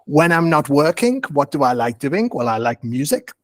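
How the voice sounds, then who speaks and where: A man, a teacher introducing himself on a video call in a friendly, clear, unhurried way. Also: a little high, sing-song, no echo. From England. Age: 30s. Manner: friendly, clear and unhurried, simple wording for learners. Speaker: guest English teacher.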